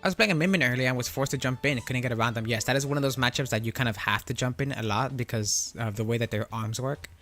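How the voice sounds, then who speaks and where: Talking fast with hardly any pauses, a gaming streamer answers chat about a fighting game, explaining things and tossing in "right?" and "you know?". His mid-range voice sounds pushed and bright through a voice changer, over background music.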